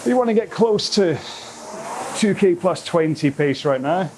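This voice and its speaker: A man's voice: high-pitched, expressive, unhurried, noisy background. A man coaching an indoor rowing workout, talking through pace targets and technique in a chatty, rambling way. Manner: chatty, rambling, self-aware explanations. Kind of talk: workout instruction.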